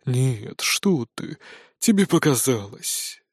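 A man reading an audiobook, voicing a tired, gruff middle-aged man who talks curtly and grumbles. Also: medium pitch, unhurried, darkish tone, dry recording, clean studio sound, close to an everyday voice. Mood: grumbling. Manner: weary, grumbling and curt. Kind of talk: audiobook character voice.

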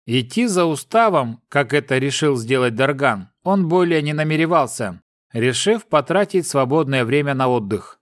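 A man's voice: medium pitch, expressive, normal speed, no room sound, clean studio sound. A man narrating a fantasy novel as an audiobook, reading steadily.

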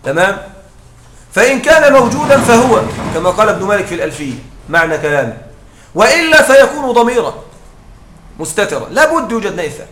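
A man teaching a grammar lesson, often checking that his students follow and reciting quoted lines slowly. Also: high-pitched, very animated, fairly bright tone, roomy sound, slight background noise. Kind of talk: classroom lesson explaining a text.

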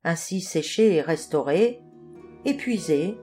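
A woman narrating a children's audiobook in a clear, measured storytelling manner. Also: lowish voice, lively intonation, over music. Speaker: audiobook reader.

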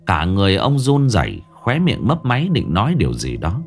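A man narrating a ghost story in a grave, expressive storytelling voice. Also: on the low side, brisk, soft background music.

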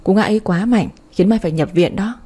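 A woman reading the part of a drunk young husband, speaking in a slow, drawn-out, whiny slur. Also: mid-range voice, mellow, slightly rough, close to an everyday voice. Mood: somber. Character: drunk young husband, slurring, clingy and tender.

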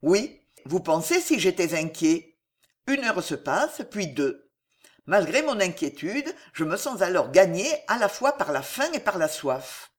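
An audiobook narrator reading a French adventure novel in an animated storytelling manner. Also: medium pitch, measured pace.

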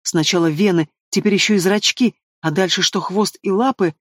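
Male narrator, fantasy audiobook, expressive first-person reading, high voice, dry close sound. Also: normal speed, no room sound.

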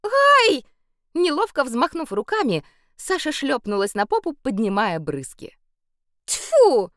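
A woman reading a children's story aloud with playful, expressive narration. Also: a little high, moderate pace, dry recording, clean studio sound. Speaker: audiobook reader.

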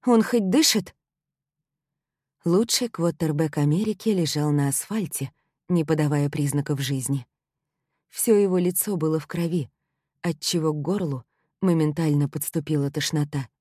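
A woman narrates a first-person audiobook in an even, storytelling delivery. Her voice is low and mellow. It sits close and dry, with no room around it. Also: moderate pace, slightly rough, dry recording.

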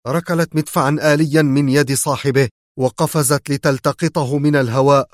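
A man reading a spy thriller aloud as narrator, in a measured, dramatic manner. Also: medium pitch, steady tone, no room sound, clean studio sound. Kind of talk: scripted audiobook narration.

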